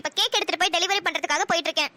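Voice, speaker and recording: A woman's voice: very high voice, rapid-fire, pushed and bright. A woman voicing a reserved, self-made young businesswoman in a cartoon, speaking firmly. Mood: guarded. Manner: reserved, firm. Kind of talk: cartoon voice acting.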